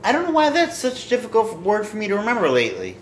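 Filming on a phone held or propped about arm's length away, a twentysomething man walks through home cooking in a small kitchen and dining room. He rambles, halts and pokes fun at himself, his high voice swooping wildly in pitch. Room echo and sizzling kitchen sounds surround him.

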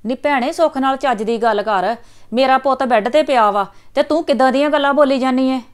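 An actress playing a middle-aged mother, defensive and quick to scold. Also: high voice, lightly acted.

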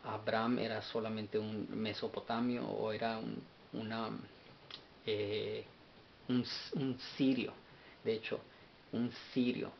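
A man with a lowish voice talks through a Bible study, stumbling and repeating words as he thinks aloud. The sound is dull and lo-fi, with a faint hiss underneath. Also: little pitch movement, creaky. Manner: halting, repeats words while searching notes. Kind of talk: unscripted Bible study talk.

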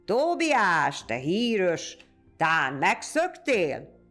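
A woman voicing a huge old male goat farmer who hollers in a booming voice. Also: wildly swooping pitch, gravelly, soft background music, full character voice. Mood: alarmed. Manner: loud hollering calls.

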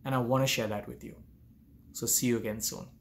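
A forties-aged man delivers a direct-to-camera advice talk on business from home, earnest and full of rhetorical questions. He speaks briskly at medium pitch with fairly even intonation and vocal fry, close to the camera, with a little hiss or hum.

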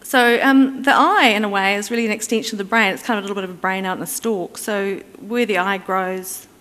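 A woman presents at a conference at a mid-range pitch, explaining step by step in a conversational way. She pauses on fillers and restarts now and then. Her voice carries a long reverb from the hall around her. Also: fairly bright tone. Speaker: conference speaker.

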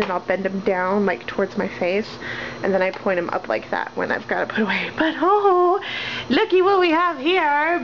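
A woman in her twenties chatting casually as she walks a handheld camera through her home, rambling and poking fun at her own clutter. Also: fairly high pitch. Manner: chatty, self-deprecating, rambling asides. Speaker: vlogger. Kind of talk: casual house tour vlog. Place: home, walking through rooms. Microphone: handheld camera mic. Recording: dull lo-fi camera audio with household noise.

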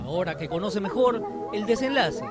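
A man acting as a reporter narrates a scripted television feature dramatically, like telling a story, in an animated, high-sitting voice at normal speed. It's a studio voice-over with a loud music bed, heard over a noisy crowd.

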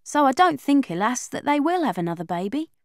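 With a high voice and a fairly quick pace, a woman narrates a children's audiobook in the first person. She plays a lively young schoolgirl who chats and confides in the listener. No room sound comes through, and the quality is studio-grade.

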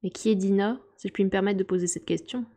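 A woman's voice: mid-range voice, fairly even intonation, fast talker, dark tone, natural voice. Woman reading a courteous, fussy bird. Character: fussy, polite parrot-like bird.

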